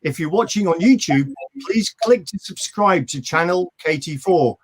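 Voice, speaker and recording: A man's voice: a little high, lively intonation, moderate pace, slight background noise. A man with a slight northern English accent hosting a local online news show from a virtual studio, chatty and friendly. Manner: friendly scripted intro, then chatty. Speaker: host. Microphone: video call.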